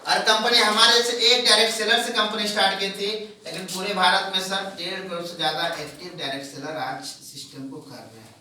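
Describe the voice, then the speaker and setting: A man with a high, bright, pushed voice presents a sales seminar to an audience, talking a little fast with fairly even intonation and hardly any pauses. He repeatedly calls his listeners "sir" and keeps putting questions to them. He's far from the mic in a large, very echoey room with an audience, with slight background noise.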